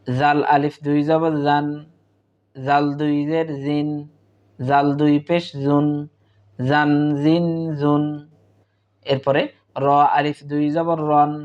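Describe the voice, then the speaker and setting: A man's voice: on the high side, darkish tone, clean tone, muffled recording. A man teaching Quran reading, patiently drilling each sound in repeated patterns. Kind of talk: slow spelled-out recitation lesson.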